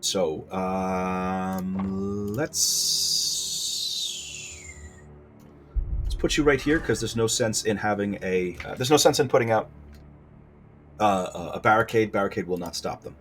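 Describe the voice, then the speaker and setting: A man's voice: lowish voice, slow pace, long pauses, a bit bright, faint music behind. A man doing casual let's play commentary, explaining his strategy card by card, with fillers and self-corrections along the way. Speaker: gameplay commentator.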